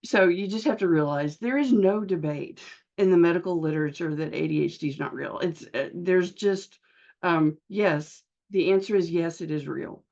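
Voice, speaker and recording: A middle-aged woman physician giving a webinar presentation, heard as screen-recorded video call audio, talking in a halting way with many filler sounds and restarts. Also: fairly low pitch, a little mellow, lo-fi sound.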